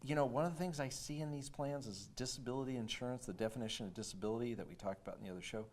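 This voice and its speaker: A man's voice: mid-range voice, racing, darkish tone. A man co-hosting a radio talk show, explaining earnestly and acting out client conversations as he goes. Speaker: co-host.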